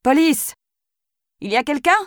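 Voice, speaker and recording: Woman doing a tough lady police sergeant, brisk orders, yelling into the dark, dry close sound. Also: fairly low pitch, animated, dry recording, lightly acted. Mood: calling out. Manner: brisk, calls out loudly into the dark. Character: determined female police sergeant, commanding.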